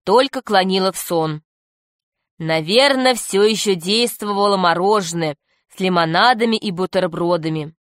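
A woman narrating a children's story for an audiobook, telling it in a steady, clear way. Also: mid-range voice, moderate pace, no echo, studio quality.

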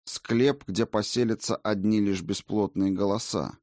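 A man's voice: fairly low pitch, measured pace, darkish tone, no echo, studio quality. A man reading an audiobook, voicing a young warrior valkyrie woman who is bold but shaken, asking faltering, pleading questions. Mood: mournful.

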